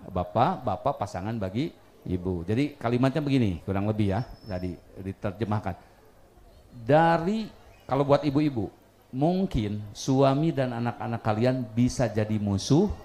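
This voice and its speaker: A man preaching a sermon to a live audience, telling animated stories with a touch of humor. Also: mid-range voice. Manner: lively, animated storytelling with acted quotes and humor. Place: lecture hall with audience.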